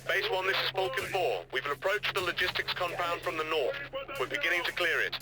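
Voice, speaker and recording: A man's voice: sits high, a little fast, over music, rough recording. An actor playing a male soldier reporting over a military radio in clipped radio procedure. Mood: brisk.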